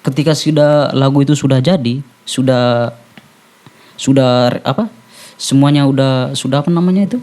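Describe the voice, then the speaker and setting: Podcast guest: male rapper, halting, restarts a lot, everyday mid voice. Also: mid-range voice, darkish tone. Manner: halting, searching for words, frequent restarts. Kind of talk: casual chat.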